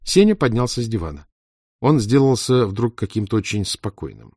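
A man reads a children's story aloud in an expressive, storytelling manner. His voice sits on the low side, with lively rises and falls. The recording is dry and close. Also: moderate pace, no echo. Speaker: narrator. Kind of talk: audiobook reading of a children's story.

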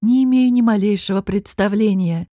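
A haughty male demon speaks in a calm, mocking drawl, as a woman narrator puts him on. The voice stays level in a dry, close audiobook recording. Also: medium pitch, normal speed, no room sound, natural voice. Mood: scornful. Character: arrogant male higher demon, scornful, cool.

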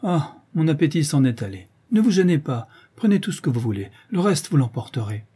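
A man reading aloud and voicing a frail old male beggar who speaks in weak, halting breaths. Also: fairly high pitch, big pitch swings, dark tone, breathy edge, voice pushed up, full character voice. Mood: gentle.

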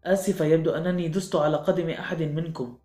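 A man plays an anxious married Englishwoman in an audiobook, clinging and uneasy. The voice sits slightly high. The reading has a roomy echo with faint music. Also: fairly even intonation, quick pace, darkish tone, natural voice. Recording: echoey room with faint music.

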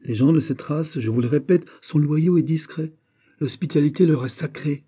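A man's voice: fairly high pitch, normal speed, mellow, breathy edge, voice pushed up. Man voicing a stern reproving queen mother. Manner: stern, admonishing, dignified. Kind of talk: audiobook character voice.

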